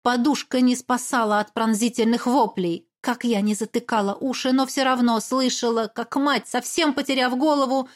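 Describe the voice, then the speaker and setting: High-voiced woman narrating an audiobook. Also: fairly even intonation, moderate pace, few pauses. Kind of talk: first-person audiobook narration.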